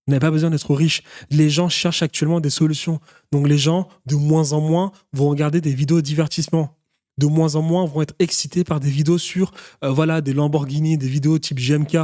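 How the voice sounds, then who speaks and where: A man's voice: on the high side, fairly even intonation, a little fast, mellow. A man, a business consultant, giving a direct and urgent motivational talk on doing business online.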